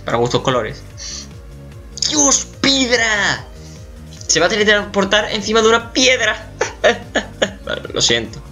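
A man with a Spain Spanish accent giving casual reaction commentary as a gaming YouTuber, animated and swearing, squealing in mock shock. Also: a little high.

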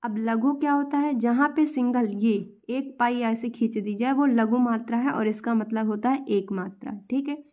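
A woman teaching a lesson in a mellow, warm voice that sits a little high. She explains step by step, asking questions and answering them herself. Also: normal speed, few pauses. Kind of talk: classroom-style lesson.

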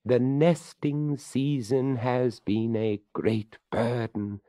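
A man's voice: medium pitch, steady tone, takes it slowly, warm tone, no room sound, studio quality, voice pushed up, close to an everyday voice. A man voicing a courteous, formal old male skeleton in a storybook reading. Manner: formal, polite.

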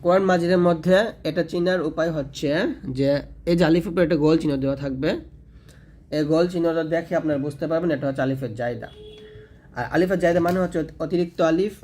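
A man's voice: on the high side, fast talker, darkish tone, slight background noise. Man patiently teaching Quran reading rules. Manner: patient, repeats points and demonstrates recitation. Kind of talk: explanatory tutorial lesson.

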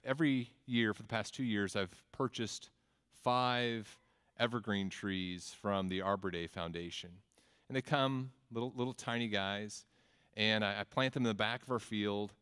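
A man's voice: on the low side, fairly bright tone, clean tone, in a large hall. A man preaching a sermon in a church, in a conversational way with frequent stammered repeats and self-deprecating humor. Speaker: pastor.

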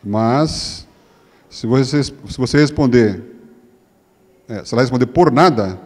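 A man with a Brazilian Portuguese accent giving a humorous lecture, joking and mimicking women's voices in a higher tone. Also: a little slow. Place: lecture hall. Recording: long hall reverb.

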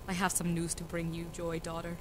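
A woman playing a cold, impatient noble mother who talks to her daughter briskly and sternly. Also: on the low side, monotone, background noise, lightly acted. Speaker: student actor in a school reading.

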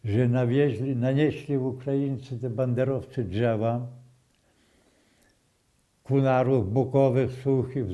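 An older man speaking in a recalls what he witnessed. He talks slowly and haltingly, in a very dark, mellow voice. He often breaks off, restarts and repeats phrases. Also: mid-range voice, dull audio. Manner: slow, halting storytelling with restarts and repetitions. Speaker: eyewitness. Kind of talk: oral history testimony.

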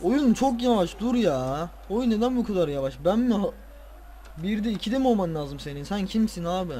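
A man's voice: sits high, normal speed, a little hiss or hum. Tired man ranting over a football game. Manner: swears and rants at players, excitable outbursts. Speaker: gaming video creator. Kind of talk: casual football game commentary.

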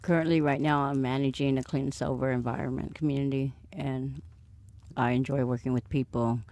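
A woman in her late forties answers personal questions in an unhurried, soft-spoken way, pausing to think. Her voice has a gravelly edge. The booth sound is dry and close, with almost no room echo. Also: rumbling low, fairly even intonation. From Sacramento, California. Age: 40s. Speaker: interviewee. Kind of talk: casual personal conversation. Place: small recording booth.

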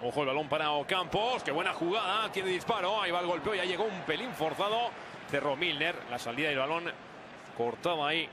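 Clear stadium noise surrounds a fairly high-voiced man. He commentates football live, following each move and surging excitably into drawn-out shouts at goals. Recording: very noisy outdoor stadium ambience.

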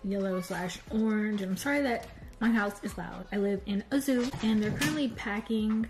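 A woman's voice: mid-range voice, normal speed, noisy background. A young woman vlogging her day on her phone camera, chatty and a little self-conscious, with lots of "like". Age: young adult. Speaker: vlogger, community college student. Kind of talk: casual day-in-my-life vlog. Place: campus library, then home. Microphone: phone camera at arm's length.

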